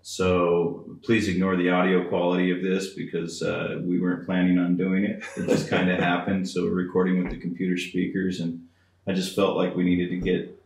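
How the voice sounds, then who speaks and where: A man hosts a casual podcast interview. His voice is very deep with a creaky, gravelly edge. It is a roomy recording made through computer speakers. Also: monotone, normal speed.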